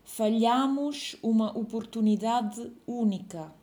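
A woman's voice: fairly high pitch, takes it slowly, warm tone. A woman reading a dictation, saying each phrase twice and calling out the punctuation. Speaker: dictation teacher.

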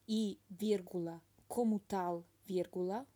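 A woman's voice: medium pitch, steady tone, takes it slowly, dark tone. A woman giving a dictation as a teacher, reading each phrase twice and saying the punctuation marks aloud.

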